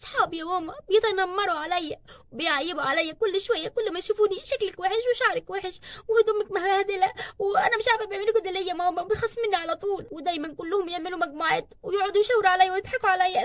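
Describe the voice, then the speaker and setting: A timid, bullied schoolgirl with an Egyptian Arabic accent whimpers and pleads through her tears, voiced by a woman. Her voice is very high and the words tumble out fast. It is a homemade doll story role-play. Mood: sobbing, pleading.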